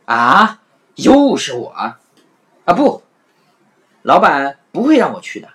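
A woman's voice: sits low, wildly swooping pitch, slow pace, fairly bright tone, pitched above the performer's own voice, full character voice. A woman voicing a nervous young male waiter at an inn, given to startled exclamations. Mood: alarmed. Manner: jumpy, exclaiming.

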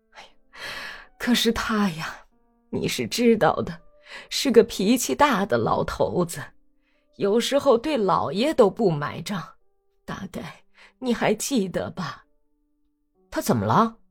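A woman's voice: medium pitch, darkish tone, husky. A woman reading a novel aloud as an audiobook, telling the story expressively. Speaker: audiobook reader.

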